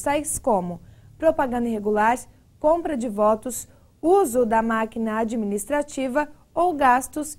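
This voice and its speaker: High-voiced woman news anchor. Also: a little mellow. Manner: clear, measured anchor delivery. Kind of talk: read news presentation. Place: TV news studio. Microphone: lapel mic.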